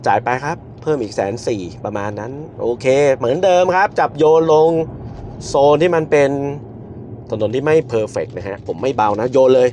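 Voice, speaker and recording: A man reviewing a car from behind the wheel, counting down launches and shouting in excitement at the speed. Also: mid-range voice, normal speed, slight background noise. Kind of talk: car review while driving. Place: inside a car on the road.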